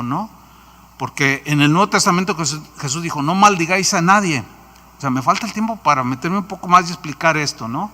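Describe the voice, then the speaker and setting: A man with a Mexican accent preaching a sermon, telling stories in an animated way and acting out quoted lines. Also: on the high side, big-room sound. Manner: animated storytelling, acts out quotes. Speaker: pastor.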